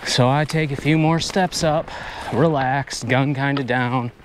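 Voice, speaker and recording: A man's voice: mid-range voice, steady tone, unhurried, noisy background. Slightly winded man narrating a hunt outdoors. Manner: talks to the camera while walking, narrating the hunt. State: slightly out of breath. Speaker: hunting vlogger. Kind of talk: casual narration while hunting outdoors. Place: hilly woods outdoors.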